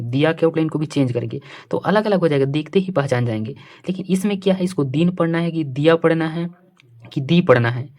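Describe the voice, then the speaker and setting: A man's voice: a little high, darkish tone. Patient man teaching a step-by-step lesson. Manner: repetitive, keeps saying "see here" and checks understanding; reads phrases out slowly, word by word. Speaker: shorthand teacher.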